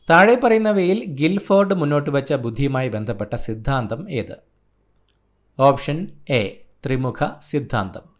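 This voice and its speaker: Man briskly reading an answer key. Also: mid-range voice. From Kerala, India. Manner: brisk, listing answers in short clipped phrases. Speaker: exam coaching tutor.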